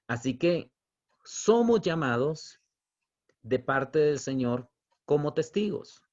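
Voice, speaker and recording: Hombre predicando con tono medio y sonido algo apagado. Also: male voice, medium pitch, muffled recording. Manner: storytelling with humor, chuckles between points; swings between emphatic stretched phrases and quick asides. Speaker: pastor. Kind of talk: sermon.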